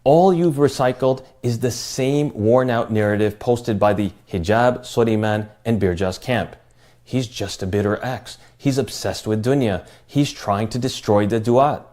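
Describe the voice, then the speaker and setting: Brief: male, measured scripted rebuttal, calm and articulate. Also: medium pitch. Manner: calm, well spoken, measured. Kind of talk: scripted response statement.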